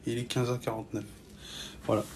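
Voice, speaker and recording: Jeune Français au parler cru, son bruité. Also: male voice, mid-range voice, level tone, fast, a little mellow, slight background noise. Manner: offhand, blunt, swearing. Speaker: vlogger filming stories for followers. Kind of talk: casual chat to camera, slangy.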